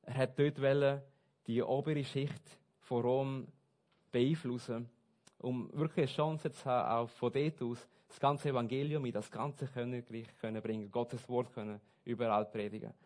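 A man preaching a sermon, switching between soft asides and loud, stressed points. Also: mid-range voice, steady tone, normal speed. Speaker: pastor.

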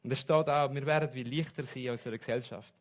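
A man preaching a sermon, switching between soft asides and loud, stressed points. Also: medium pitch, steady tone, fast talker. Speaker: pastor.

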